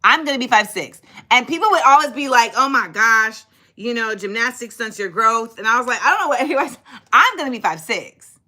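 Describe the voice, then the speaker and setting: Her voice is a little high and her delivery brisk as this woman in her forties hosts a casual livestream. Sassy, animated and chatty, she talks straight to viewers, going through their comments and answering them.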